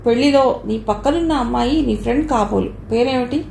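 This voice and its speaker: A woman's voice: fairly high pitch, a little fast, creaky, darkish tone. A woman reading the lines of a crude young husband who talks in a scornful, offhand way. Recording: echoey room, faint background noise.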